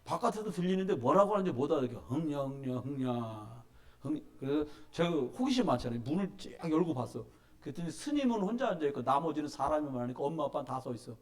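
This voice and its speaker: A middle-aged man preaching in a church sanctuary, his voice sitting high and swinging widely in pitch. He tells stories and presses his points home with emphatic, animated delivery. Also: racing. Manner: animated storytelling, emphatic exhortation. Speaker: pastor. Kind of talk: sermon.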